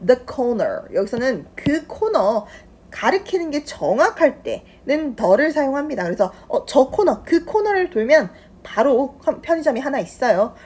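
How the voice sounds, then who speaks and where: A woman's voice: sits high, sing-song, measured pace, a little mellow, breathy edge. A woman with a Korean accent, teaching an English lesson and explaining phrases patiently, step by step.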